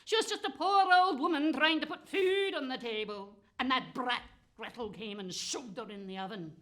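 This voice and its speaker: A woman plays a spiteful, gleeful, foul-mouthed witch telling comic fairy tales in a theatrical, cackling monologue, her mood spiteful and aggrieved. Her voice is high and sharp, at a moderate pace.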